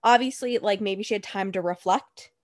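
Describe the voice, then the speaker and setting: A woman's voice: mid-range voice, moderate pace, dry recording. Profane young woman gossiping, dry sound. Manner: blunt, profane, mocking impressions. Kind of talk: casual reality TV gossip chat.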